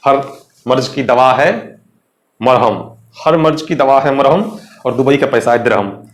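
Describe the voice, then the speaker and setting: A man's voice: medium pitch, unhurried, echoey room. A young man with an Indian accent teaching English vocabulary for an exam, chatty and mixing Hindi with English, often asking his students questions. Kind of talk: exam lesson explaining vocabulary.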